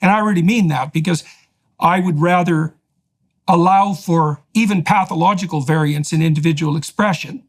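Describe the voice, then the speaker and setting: A man's voice: on the high side, normal speed. Emphatic man arguing in long sentences. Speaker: podcast host. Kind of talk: heated interview conversation.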